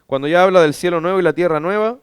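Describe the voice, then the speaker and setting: A man's voice: sits high, racing, smooth, no echo, studio quality. A man, a pastor, teaching a Bible class; he reads scripture aloud and asks rhetorical questions that he then answers himself.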